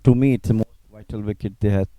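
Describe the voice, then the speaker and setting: A man's voice: fairly low pitch, fairly even intonation, fast talker, mellow, no room sound. A man working as a cricket co-commentator, giving conversational expert analysis in emphatic, agreeable, simply phrased non-native English.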